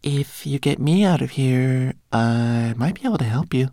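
A man's voice: medium pitch, animated, normal speed, mellow, no echo, clean studio sound, pitched above the performer's own voice, lightly acted. A man voicing a tiny, polite and clever male homunculus who is timid and courteous, a little conceited.

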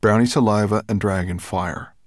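A man voicing a calm, earnest dragon. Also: on the low side, normal speed, no echo, clean studio sound, lightly acted. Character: calm, thoughtful male dragon.

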